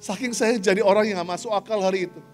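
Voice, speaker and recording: A male pastor telling a story in a sermon, animated, swinging between shouts and hushed lines and mixing English phrases into his speech. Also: sits high, fast talker, faint music behind.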